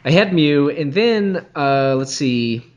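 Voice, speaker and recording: A man's voice: a little high, expressive, slow, slight background noise. A man on a podcast over a video call, hesitant and methodical, with many restarts. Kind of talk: casual chat.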